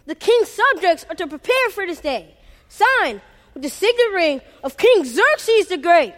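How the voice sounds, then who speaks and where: A woman playing a high proclaiming herald. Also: very animated, measured pace, exaggerated voice. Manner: loud proclaiming. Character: royal herald proclaiming a decree. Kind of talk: amateur stage play acting. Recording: long hall reverb.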